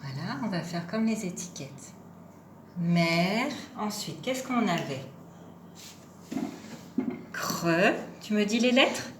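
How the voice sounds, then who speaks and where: A kindergarten teacher gives a home lesson to young children, patiently sounding out each syllable and number aloud. Her mid-range voice has lively intonation and a moderate pace. The room is echoey, with faint background noise.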